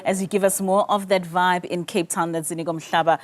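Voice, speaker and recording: A woman's voice: fairly low pitch, steady tone, fairly quick. A woman anchoring the news, handing over conversationally with light banter.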